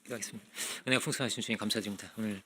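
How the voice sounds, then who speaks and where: A man's voice: on the low side, very fast, breathy edge. A male pastor preaching a sermon in a conversational way, asking many rhetorical questions. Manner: acts out children's voices in animated bursts.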